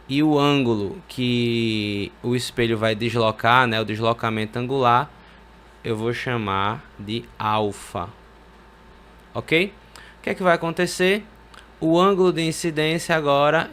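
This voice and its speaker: A man from Brazil teaching a physics lesson in a relaxed, conversational way, often pausing to check in with short rhetorical questions as he draws. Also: mid-range voice. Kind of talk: casual explanatory lesson at a whiteboard.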